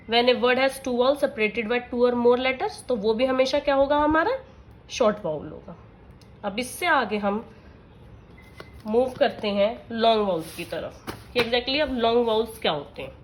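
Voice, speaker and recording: A woman, in her thirties, teaching a phonics lesson in mixed with English, sounding words out letter by letter and answering her own questions. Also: fairly high pitch.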